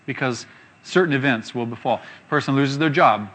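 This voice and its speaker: A man preaching a sermon, reading scripture slowly and asking rhetorical questions with emphasis. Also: medium pitch, fairly bright tone.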